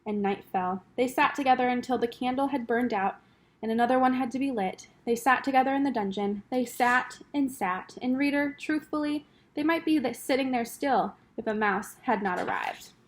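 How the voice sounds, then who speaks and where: A woman teacher reading a children's novel aloud, expressive and speaking directly to the listener. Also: on the high side, normal speed. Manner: expressive storytelling, addresses the reader directly.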